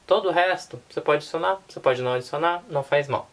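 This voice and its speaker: A woman with a Brazilian Portuguese accent giving a casual online language lesson, relaxed and unhurried, often checking in with her listeners. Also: sits low. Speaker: language teacher.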